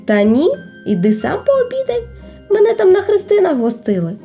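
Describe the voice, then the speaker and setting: Sly storybook vixen, high and mocking, loud shrill cries, acted by a woman. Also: huge pitch swings, moderate pace, vocal fry, soft background music, heavily acted. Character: sly, cunning female fox.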